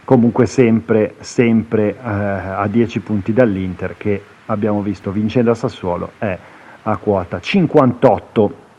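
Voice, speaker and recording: An Italian man commentating on football video game highlights in a casual, improvised way, chatty and hesitant with lifts into excited play-by-play. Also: a little slow, slight background noise. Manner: chatty, with asides and hesitations, lifting into excited calls on chances.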